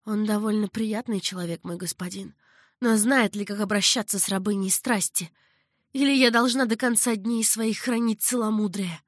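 A woman's voice: mid-range voice, steady tone, moderate pace, dry recording, studio quality, close to an everyday voice. A woman voicing a passionate young concubine who pleads emotionally. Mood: coquettish.

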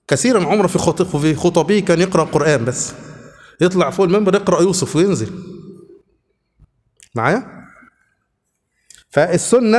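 A man's voice: high-pitched, big-room sound. A man with an Egyptian accent teaching a religious lesson as a sheikh, often asking his students questions. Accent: Egyptian Arabic.

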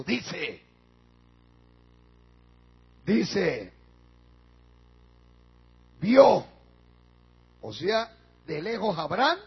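Preaching pastor, high raspy voice, slow deliberate delivery, dull lo-fi recording. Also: male voice. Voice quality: raspy, gravelly. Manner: emphatic preaching with rhetorical questions to the congregation. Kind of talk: sermon.

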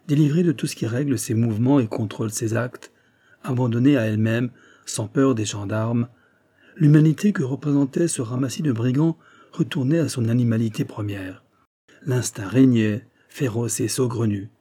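A man reads a novel aloud as an audiobook, measured and dramatic in his pacing. His voice is dark and mellow, with a husky edge, at a middling pitch. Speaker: audiobook narrator.

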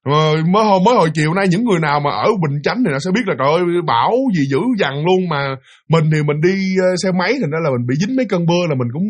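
A man with a Southern Vietnamese accent, hoarse from a cold, telling a story to his listeners in a chatty, casual way. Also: a little high, fast talker. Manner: chatty, addresses listeners directly, many fillers. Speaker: storyteller and channel host.

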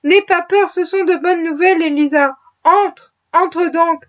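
A woman reading the part of an eager, cheerful young Quaker woman in a raised, brighter voice. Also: extremely high pitch, unhurried. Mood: joyful. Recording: muffled lo-fi audio.

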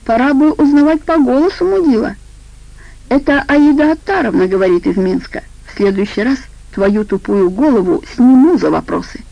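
A woman's voice: a little high, lively intonation, normal speed, gravelly, no room sound, highs cut off, voice pushed up. A woman reading an audiobook voices a domineering, rude woman boss who speaks curtly and harshly, with a commanding tone.

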